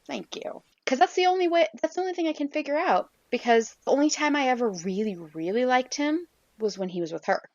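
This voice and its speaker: A young woman co-hosting a podcast in casual chat, animated and quick to laugh, asking lots of questions. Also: sits high, dry recording. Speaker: podcast co-host. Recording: slightly dull, dry podcast audio.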